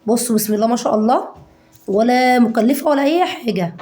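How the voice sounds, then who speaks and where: A woman with an Egyptian accent, hoarse from a cold, chatting fondly to her viewers about a budget week of home cooking. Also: on the high side, quick pace, reverberant. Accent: Egyptian Arabic. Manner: warm endearments to viewers, acts out their questions.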